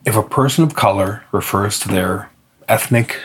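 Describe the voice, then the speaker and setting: A man's voice: lowish voice, normal speed, slight background noise. A man from northern Michigan co-hosting a podcast, talking things through in long, thoughtful, hesitant sentences. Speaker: podcast co-host. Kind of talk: casual discussion.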